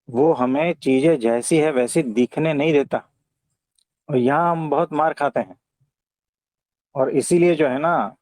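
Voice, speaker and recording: A man with an Indian accent giving a conversational spiritual discourse, teaching in a calm, gentle way and often checking for agreement. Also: mid-range voice, no room sound. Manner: didactic, often seeks agreement with short tag questions. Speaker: spiritual teacher answering devotees' questions.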